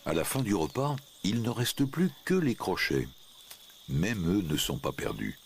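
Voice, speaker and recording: Very deep, gravelly man narrating a nature documentary. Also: big pitch swings, measured pace, slight background noise.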